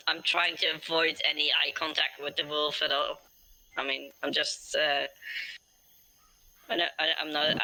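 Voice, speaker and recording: A tabletop game player talking through a voice changer, in halting, hesitant casual chat. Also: medium pitch, creaky, bright, forceful tone, poor audio.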